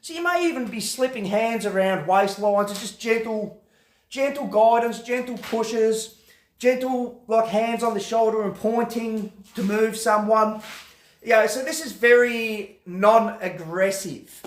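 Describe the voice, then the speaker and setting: A man's voice: high-pitched, reverberant. A man, a security instructor, explaining self-defence steps in a casual, conversational way, full of fillers and acted example phrases. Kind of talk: explanatory talk to camera.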